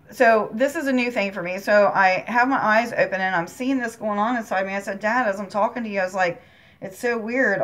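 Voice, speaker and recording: Calling her viewers guys, a woman with a mid-range, fairly bright voice shares a personal spiritual experience on her spiritual channel. Earnest and emotional, sometimes close to tears, she rambles and says things more than once.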